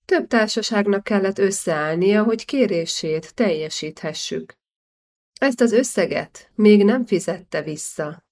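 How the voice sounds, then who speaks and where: A woman reading the lines of a shrewd, calculating older male banker in an audiobook, smooth and persuasive. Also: mid-range voice, a little mellow, natural voice.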